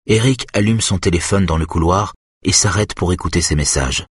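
A man reading a suspense novel aloud in measured, even narration. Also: deep voice, slightly rough, no room sound, clean studio sound. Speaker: audiobook narrator. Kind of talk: scripted narration.

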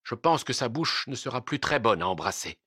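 A man's voice: medium pitch, sing-song, a little fast, sharp tone, husky, no echo, clean studio sound, full character voice. A man reading aloud and voicing an agitated, frantic husband who pleads and insists. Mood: anxious. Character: agitated frantic Turkish husband, middle-aged.

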